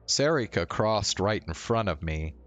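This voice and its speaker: A man streaming a visual novel, reading its narration aloud in a slow, even way. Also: fairly low pitch, faint music behind.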